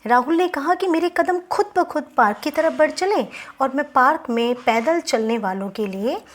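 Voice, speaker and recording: A woman narrating a moral story in a relaxed, conversational way, with small asides to the listener. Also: sits high.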